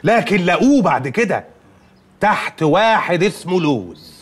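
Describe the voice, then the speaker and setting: A man's voice: high-pitched, big pitch swings, moderate pace, slightly rough, exaggerated voice. An actor with an Egyptian accent playing a deferential man telling a silly tale in a melodramatic, sing-song way, in a TV sitcom. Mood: storytelling. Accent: Egyptian Arabic.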